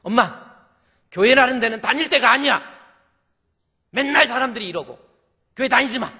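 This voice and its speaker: A man voicing a grown daughter, a professor, pleading loudly and emphatically with her mother. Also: medium pitch, a little fast, vocal fry, husky, big-room sound. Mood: upset.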